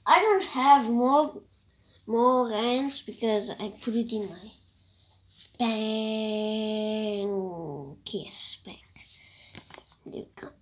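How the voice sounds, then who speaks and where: A woman talks to camera in a casual show-and-tell vlog, her voice sitting fairly high. She speaks slowly and unhurriedly, drifting between thoughts with hesitant restarts. Every so often she drops into a soft whispered aside. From South Africa. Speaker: vlogger.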